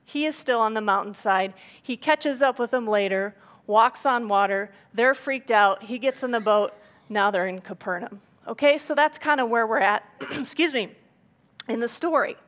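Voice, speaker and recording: Woman pastor preaching casual style, kinda high voice, jokey, acts out little quotes. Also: normal speed. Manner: playful, animated storytelling with acted quotes. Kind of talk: conversational sermon.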